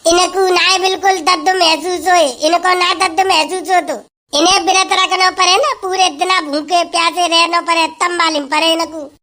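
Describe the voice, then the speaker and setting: In a comic sketch, a woman plays a hungry, fed-up village wife who grumbles and scolds. Her voice is extremely high, pushed, and bright, with fairly even intonation at a normal speed. The mood is complaining, delivered as rustic, scolding chatter.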